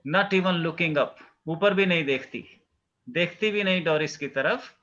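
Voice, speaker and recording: A male teacher slowly explaining a play to his class, questioning students and acting out the lines. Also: on the high side, bright, forceful tone, highs cut off.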